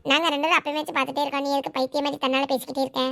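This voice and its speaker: A performer plays a nosy younger sibling who teases quickly. The voice is high and slightly gravelly, and the lines rattle along fast. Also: female voice, little pitch movement, bright, forceful tone. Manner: teasing, nosy. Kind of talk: comedy sketch acting.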